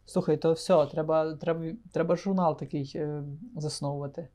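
A man's voice: a little high, fairly even intonation, moderate pace, warm tone. A man co-hosting a podcast, playful and rambling, often stumbling and restarting his words. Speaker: podcast co-host. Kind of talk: casual joking chat.

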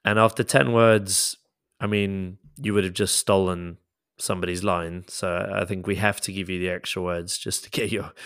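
A man's voice: sits low, flat delivery, moderate pace, fairly bright tone, clear, resonant tone, no room sound, clean studio sound. A man hosting a casual football podcast, jokey and bantering with his co-hosts. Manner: jokey, banters and laughs often. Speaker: podcast host.

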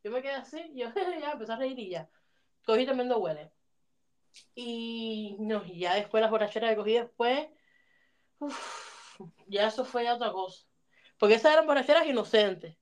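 A woman telling funny stories in a casual chat, animated and dropping English phrases in. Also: fairly high pitch, moderate pace, pauses often. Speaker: podcast co-host.

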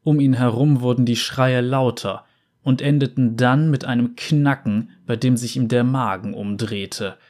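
A man narrating a fantasy story in a calm, steady voice. His pitch sits in an ordinary middle range. He reads evenly and with care, as in a book read aloud.

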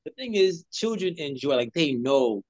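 A man hosting an interview in a relaxed, conversational way, affirming his guest and often saying "you know". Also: on the high side, moderate pace, no room sound, lo-fi sound. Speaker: interview host. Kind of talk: casual interview talk.

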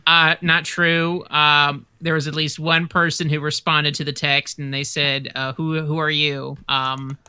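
A man's voice: on the high side, little pitch movement, unhurried, hardly any pauses, bright, forceful tone, clear, resonant tone. A man co-hosting a comedy podcast, brash and irreverent in his casual improvised banter.

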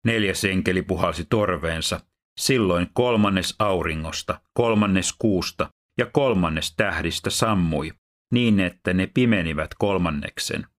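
A man reading Bible passages aloud in a steady, measured way, then going on to teach about them. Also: low-pitched. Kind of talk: scripture reading.

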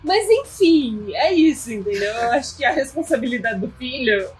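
A woman co-hosting a podcast, chatting casually with opinionated, quick-reacting banter. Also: on the high side, lively intonation, soft background music. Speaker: podcast co-host. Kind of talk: casual chat.

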